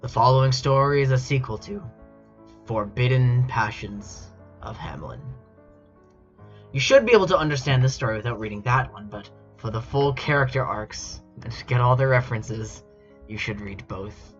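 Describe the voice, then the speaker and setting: Reading fan fiction on a casual stream, this man goes mock-dramatic, sounding amused and incredulous. He speaks at a moderate pace with a mid-range voice and lively intonation, through a dull lo-fi mic with music playing behind.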